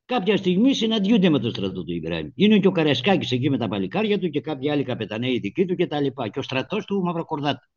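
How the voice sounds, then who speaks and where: Male radio host, lively storyteller, slightly high voice, lo-fi sound. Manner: lively storyteller, acts out quoted speech. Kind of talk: animated history storytelling on talk radio. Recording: lo-fi radio recording.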